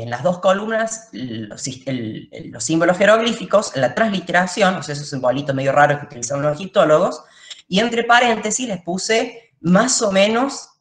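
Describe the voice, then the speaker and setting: A woman's voice: lowish voice, big pitch swings, moderate pace, reverberant. A woman teacher giving a classroom lecture, explaining step by step and checking in with her students.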